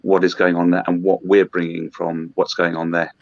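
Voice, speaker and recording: Man, brewery rep, deep flat delivery, halting speech, dull lo-fi recording. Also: vocal fry, no echo. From Hong Kong. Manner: hesitant, many ums and restarts. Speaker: brewery representative. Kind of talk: podcast interview. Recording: dull lo-fi dry sound.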